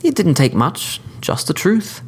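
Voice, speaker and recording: A man voicing a sophisticated male killer who speaks with cordial, precise, lecturing calm. The figure's voice sits well above the man's own voice. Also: high-pitched, measured pace, slightly rough, pitched above the performer's own voice, heavily acted. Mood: cordially smug. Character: suave cordial male hitman, smug, sophisticated.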